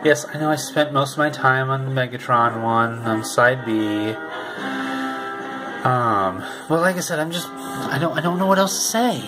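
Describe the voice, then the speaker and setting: A young man hosting his channel rambles through casual commentary while a vinyl record plays loudly behind him in a room at home. His medium-pitched voice halts and restarts often, and the recording is rough.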